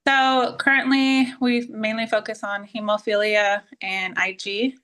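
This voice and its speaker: A woman from Texas introduces herself over a video call, her voice bright and forward. She talks quickly and drops in the odd filler. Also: mid-range voice, flat delivery, clean tone. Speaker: pharmacist applicant. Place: pharmacy shelving behind her.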